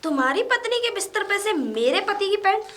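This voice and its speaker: A woman playing a feisty, sharp-tongued neighbour's wife in a comedy sketch, answering back quickly. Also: very high-pitched, big pitch swings, full character voice. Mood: indignant. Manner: quick, retorting.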